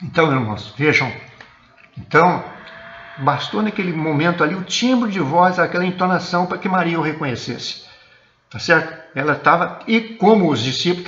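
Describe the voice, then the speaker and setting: A man's voice: a little high, sharp tone, echoey room, muffled recording. A man with a Brazilian accent, a church elder teaching a sermon for an online service and often checking in with his listeners. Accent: Brazilian Portuguese. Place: church, indoors.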